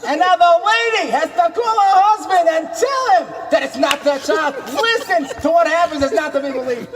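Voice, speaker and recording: A man doing a comic impression of an impassioned, warm, questioning rabbi, telling inspirational stories with dramatic, preacherly refrains. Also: very high-pitched, normal speed, crowd noise, noisy background. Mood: dramatic storytelling.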